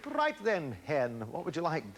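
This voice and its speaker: A man's voice: fairly high pitch, wildly swooping pitch, moderate pace, heavy background noise. A middle-aged man hosting a television game show with chatty, teasing banter in a studio.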